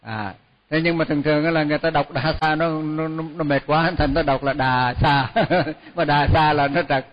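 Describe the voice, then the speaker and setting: A man teaching Pali chanting, intoning each word slowly and repeating it, then explaining pronunciation in a relaxed, chatty way with small laughs. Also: fairly high pitch. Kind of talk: chanting lesson with spoken explanation. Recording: dull lo-fi sound with long hall reverb.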